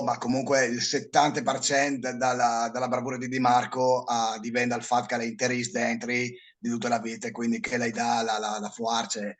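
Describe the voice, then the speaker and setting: Informal Friulian man hosting football chat. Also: medium pitch. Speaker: podcast host.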